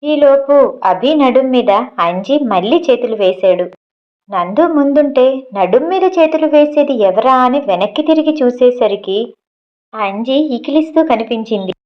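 A woman narrating a storybook in a steady, expressive reading voice. Her voice sits fairly high. The sound is dull and lo-fi, as from a home recording. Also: normal speed. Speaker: audiobook narrator. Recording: dull lo-fi audio.

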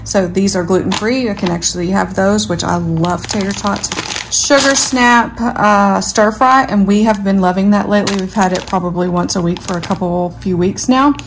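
A woman's voice: medium pitch, a little hiss or hum. A woman in her thirties chatting casually as she shows a grocery haul, rambling with fillers, recorded on a phone camera in her home kitchen. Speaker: lifestyle vlogger. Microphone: handheld phone camera.

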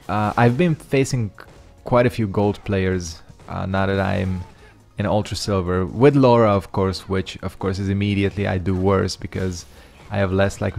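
A young gaming channel host whose first language is Hungarian rambles casually over his own fighting game matches, using loose slang and plenty of fillers. His voice sits low, gravelly and darkish.

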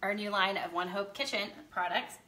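A woman's voice: mid-range voice, fairly even intonation, normal speed, reverberant, a crowd in the background. A woman co-hosting a casual chat while mixing drinks, bubbly and self-deprecating. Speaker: co-host.

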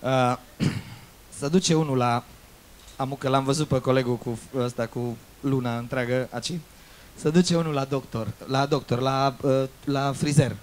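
A man telling jokes, swinging between loud outbursts and muttered asides. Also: mid-range voice, fairly even intonation, slight background noise. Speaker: joke teller. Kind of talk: telling jokes with acted-out voices.

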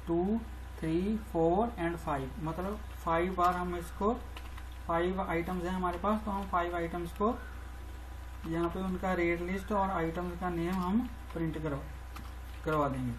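A woman's voice: on the low side, a little hiss or hum, poor audio. A woman teaching programming over a screen recording, talking through each step as she types and often repeating her phrases. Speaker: programming tutor. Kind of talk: screen-recorded coding tutorial.

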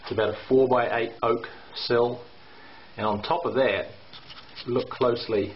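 A middle-aged renovation contractor gives a video tour of a house being renovated, explaining construction details hesitantly and with plenty of fillers. His medium-pitched voice stays steady at a normal speed. He's filmed on a handheld camera mic inside a bare brick basement, and the audio comes out echoey, dull and lo-fi, with a faint hiss.

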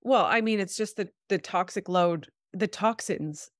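This is a woman in her thirties, a chiropractor and acupuncturist, who speaks at a measured pace in a fairly low voice that's slightly congested and stuffy-nosed. As an interview guest on a video call from a small home room, she explains health topics informally, with frequent "like" and "you know." The recording is dry with clean studio sound.

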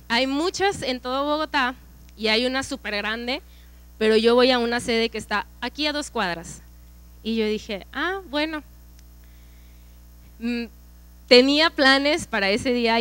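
A woman's voice: a little high, normal speed, clean tone, no room sound. Young Mexican woman telling her testimony. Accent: Mexican Spanish. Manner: lively storytelling with quoted dialogue. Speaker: speaker at a church women's event. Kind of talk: personal testimony.

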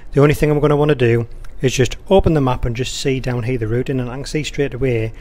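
An air traffic controller speaks fast in a steady, darkish mid-range voice. His walkthrough is informal and instructional, peppered with radio phraseology, and takes place beside a touchscreen in an indoor control room or workstation.

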